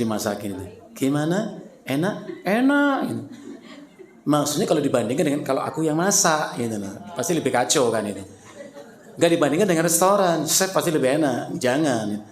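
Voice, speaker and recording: A male preacher giving a playful, conversational sermon to women, speaking to them directly. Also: medium pitch. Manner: joking, playful, addresses listeners directly. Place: mosque. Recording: roomy echo.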